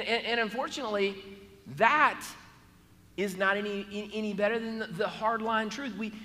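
Man, pastor, sermon, emphatic, repetitive restarts, bright tone, reverberant church hall. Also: high voice. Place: church sanctuary.

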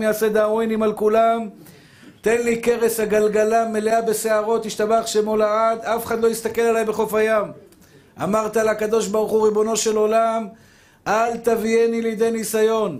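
A rabbi delivers a fervent sermon in a strikingly high male voice. He keeps calling his listeners dear brothers and throws rhetorical questions at them. He acts out dialogues between the soul and God. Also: a little mellow. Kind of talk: spoken Torah lesson, sermon.

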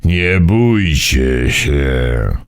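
A man voicing a stern, mysterious old man who speaks low, slow and insistent. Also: lively intonation, heavily acted.

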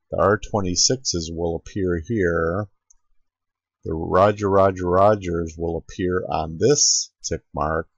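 A low-voiced man, an amateur radio operator, narrates a casual screen-capture tutorial. He's miked closely on a dull-sounding computer microphone with no room sound.

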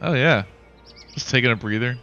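A man's voice: medium pitch, moderate pace, muffled recording. A man talking casually with teammates as he plays a video game. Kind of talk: casual gaming chat. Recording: loud game audio and music behind. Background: video game sounds and music.

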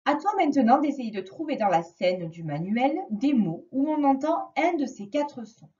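A woman teaching a reading lesson to a young child, slowly and patiently stressing each sound. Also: high-pitched, lively intonation, mellow, distant mic, dull audio. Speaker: primary school teacher.

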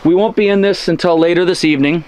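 A man's voice: high voice, steady tone, quick pace, a little mellow, clean tone. A young man hosting an outdoor vlog on a frozen lake, talking to camera with upbeat enthusiasm. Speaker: outdoor channel host. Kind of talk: energetic vlog presenting. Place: outdoors on a frozen lake, then inside an ice tent.

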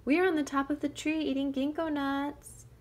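A woman voicing a clever, quick-witted eldest girl in a fairy tale, eager and lively. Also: a little high, slightly rough, voice pushed up.

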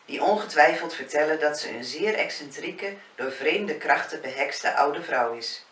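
A woman reading the lines of a wry, gently teasing man in a spoken novel. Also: deep voice, lively intonation, measured pace. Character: male villa owner, wry and gently teasing. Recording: roomy, distant, faint hiss.

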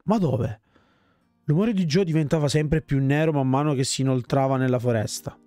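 A man reading a fantasy game's story text aloud at a steady pace. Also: medium pitch, brisk, no room sound, soft background music. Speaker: gamer reading game text.

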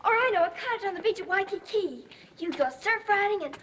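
A woman's voice: very high voice, expressive, a little fast, a bit bright, muffled recording. An actress playing a sarcastic, teasing teenage girl in a 1940s film. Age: teens. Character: cheeky teenage younger sister, teasing. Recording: noisy old film soundtrack.

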